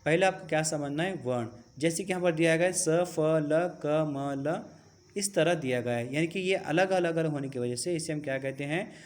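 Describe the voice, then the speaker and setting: A man's voice: on the high side, normal speed. A man teaching a Hindi alphabet lesson to schoolchildren, who explains step by step and answers his own questions.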